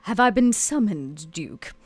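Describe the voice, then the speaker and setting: In a tabletop roleplay drama, a woman voices a weary, sardonic vampire who owns a club, speaking wryly and leaning on dramatic pauses. Her voice is medium-pitched, animated and husky, with no echo.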